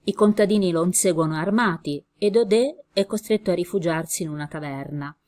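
A woman with a low voice reads a story aloud at a measured pace. She makes small slips and corrects herself as she goes. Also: darkish tone. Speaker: reader.

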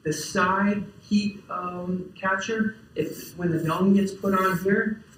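A young man with a slightly high voice gives a conference talk about farm tools. His delivery is relaxed and unscripted, with frequent fillers and restarted phrases. The sound is picked up from out in the audience, so the lecture hall's echo is clearly audible. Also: slow pace, slight background noise. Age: young adult. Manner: casual, many fillers and restarts. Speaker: farmer giving a talk. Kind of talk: conference presentation. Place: lecture hall. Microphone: distant camera in the audience. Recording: roomy lecture hall echo.

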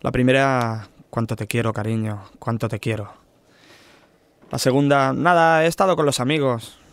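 A man tells jokes briskly and cheerfully. His voice sits at mid pitch. The sound is dry and close. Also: steady tone, no echo. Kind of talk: joke telling.

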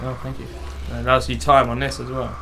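A man co-hosting a let's play, excitably calling out directions to his teammate. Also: mid-range voice, quick pace, slight background noise. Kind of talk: casual gaming commentary.

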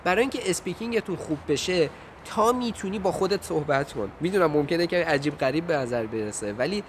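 A man's voice: fairly high pitch, animated, slight background noise. A man giving informal, direct study advice to his viewers in a casual vlog.

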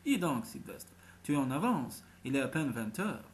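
A man's voice: mid-range voice, big pitch swings, moderate pace, close to an everyday voice. A man doing a friendly teasing barman. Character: friendly middle-aged male barman.

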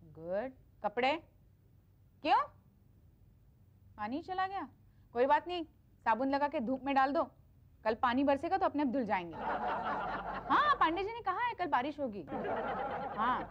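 An actress playing a bossy, flippant office officer in a TV sitcom. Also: female voice, high-pitched, lo-fi sound, noisy background. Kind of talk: TV sitcom acting.

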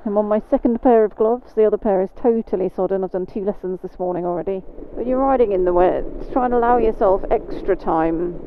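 A British woman with a mid-range voice, a motorcycle instructor, rides on wet roads in the rain and calmly talks through each step in a measured way. She records instructional commentary on a helmet mic that sounds tinny and phone-like, with road and engine noise behind her.

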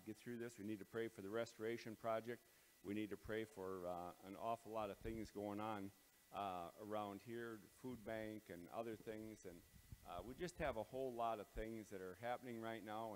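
F. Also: male voice, on the low side, slight background noise. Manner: plain, halting delivery with many ums and uhs. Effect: big hall echo. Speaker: pastor leading morning devotions. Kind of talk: casual devotional talk and prayer. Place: large empty auditorium under renovation, bare floors. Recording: long echo of a large, empty hall.

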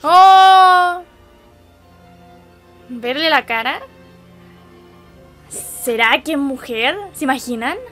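A young Chilean woman reacts out loud in a high, bright voice, full of exclamations and soft sympathetic asides to her viewers. She takes her time between remarks, unhurried. Faint show audio plays underneath. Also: faint music behind. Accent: Chilean Spanish. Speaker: anime reaction host. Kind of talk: casual reaction commentary.

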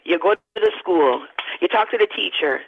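A woman in her thirties, a radio interview guest, making an animated, emphatic argument. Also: mid-range voice, moderate pace, creaky, slightly rough. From Barbados. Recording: dull lo-fi sound.

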